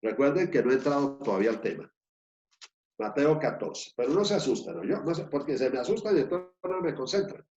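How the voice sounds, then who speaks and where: A man's voice: mid-range voice, animated, fairly quick, a little mellow. A man preaching a sermon, reading verses aloud and putting questions to the congregation. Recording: echoey, dull lo-fi room sound.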